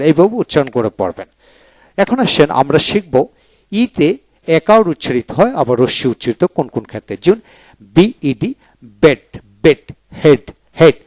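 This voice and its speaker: A man with a Bengali accent teaching English pronunciation, saying each word twice slowly and carefully. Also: fairly high pitch, no room sound. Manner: repeats each word twice, slow and deliberate. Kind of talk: pronunciation drill lesson.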